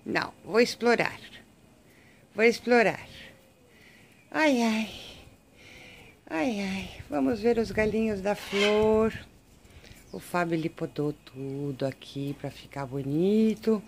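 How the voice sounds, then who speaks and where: A woman with a Brazilian Portuguese accent, chatting casually to her viewers while filming her cats at home, slipping into doting baby talk and excited squeals. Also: mid-range voice, slow pace, long pauses. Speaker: pet vlogger. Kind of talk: casual chat filming pets. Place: home garden and garage.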